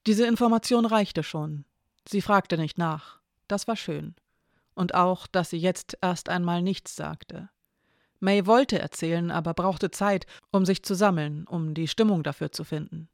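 A calm reader narrating a novel aloud, giving the dialogue only light shading. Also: medium pitch, a little slow, vocal fry, no room sound, studio quality. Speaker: audiobook narrator.

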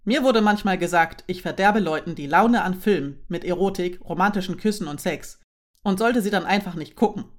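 A woman voicing Nurek, a frank and thoughtful young woman, in an emphatic, lively storybook reading. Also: fairly low pitch, fairly quick, lightly acted.

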